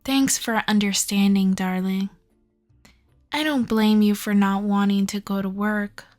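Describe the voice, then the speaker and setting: In an ASMR audio roleplay, a woman plays a young kidnapper who is obsessively, sweetly possessive and in love, doting and coaxing in a softly controlling, reassuring way. Her mid-range voice is fairly even and a little slow, lightly acted over faint music.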